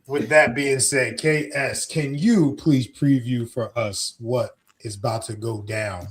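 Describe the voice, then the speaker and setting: A man's voice: mid-range voice, fairly even intonation, slow pace, husky. A man co-hosting a podcast in casual conversation. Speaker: podcast co-host. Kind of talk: casual chat.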